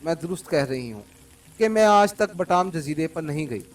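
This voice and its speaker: A man's voice: on the high side, animated, moderate pace, recorded from a distance, natural voice. A man voicing a defiant young woman spy boss. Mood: sulky. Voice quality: pleading, then sulky and sharp. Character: distressed young woman gang leader, defiant. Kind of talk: audiobook character reading.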